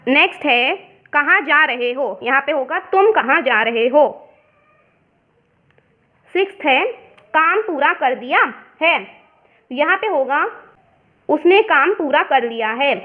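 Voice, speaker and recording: A woman's voice: high-pitched, lively intonation, takes it slowly, pauses often. A woman teacher from India explaining a worksheet step by step, mixing English words into her lesson. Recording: dull lo-fi sound.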